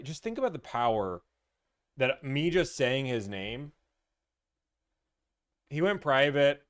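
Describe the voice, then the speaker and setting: A man hosting a live stream in a casual, rambling way, teasing people and reacting to chat comments. His voice is smooth and clear, pitched in the middle.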